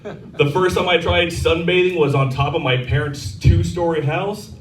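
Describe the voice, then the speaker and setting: A brash man in his thirties working a stand-up crowd, with a crude, self-mocking delivery and a fairly high voice for a man. He is heard a little off the mic, and the club room rings around him. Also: normal speed. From Texas. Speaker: stand-up comedian. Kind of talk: stand-up comedy set. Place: comedy club stage. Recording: roomy club sound from a distance.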